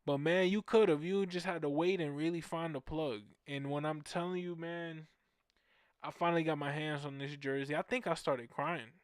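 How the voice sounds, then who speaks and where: A man in his twenties from Orlando hosting a fan show, telling casual stories in an animated, slangy way and repeating phrases for emphasis. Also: on the high side, normal speed, smooth, no room sound, clean studio sound. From Orlando, Florida, USA. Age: 20s. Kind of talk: casual storytelling.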